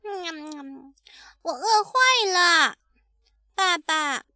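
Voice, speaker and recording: A woman voicing a sweet, trusting baby ankylosaurus in a storybook, with a high, childlike, chirpy voice. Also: extremely slow, bright, forceful tone, dry recording, studio quality, heavily acted. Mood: clinging.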